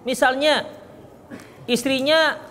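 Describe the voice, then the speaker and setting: Joking preacher. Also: male voice, extremely high pitch, takes it slowly, a little hiss or hum. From Medan, Indonesia. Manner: joking, chuckles often, lively teasing. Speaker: Islamic preacher answering questions. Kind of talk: religious study lesson with Q&A. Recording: echoey hall with faint ambience.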